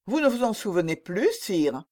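A woman reading the part of a young princess who speaks with soft, sad firmness in an audiobook. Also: mid-range voice, very animated, moderate pace, pitched above the performer's own voice, lightly acted. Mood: melancholy. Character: young melancholy princess, gentle and firm.

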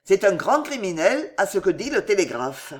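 A reader voicing a brisk male gendarme sergeant who barks curt orders in a storybook reading. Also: high-pitched, very animated. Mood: commanding.

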